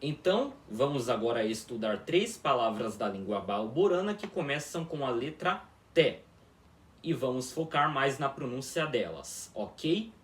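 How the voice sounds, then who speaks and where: Slow, echoey man teaching a language lesson. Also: mid-range voice, big pitch swings, slight background noise. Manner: slow, repetitive, checks in with listeners constantly. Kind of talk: formal video lesson. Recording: echoey room, voice from far off.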